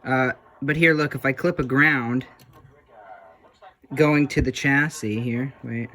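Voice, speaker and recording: Talking slowly in a pushed, bright, mid-range voice with fairly even intonation, a man informally narrates a repair as a hobbyist restorer. He thinks aloud as he works, somewhat hesitantly.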